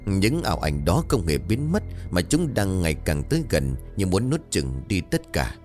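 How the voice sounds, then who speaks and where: A man narrating a horror story in a dramatic, expressive way. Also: low-pitched, moderate pace, soft background music.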